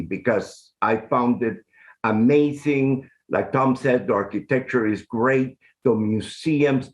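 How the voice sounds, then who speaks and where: Speaking through his webcam on a video call, a middle-aged arts commissioner from Honduras hosts an interview in a way that sounds scripted. He sits in a room at home crowded with art and books, and his mid-range voice comes across as effusive and deliberate.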